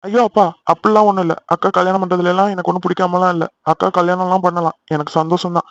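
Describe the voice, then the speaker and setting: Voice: medium pitch, level tone, very fast, no room sound, highs cut off, natural voice. A performer voicing a whiny, pleading young man who is the younger brother in a family cartoon. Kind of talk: cartoon voice acting.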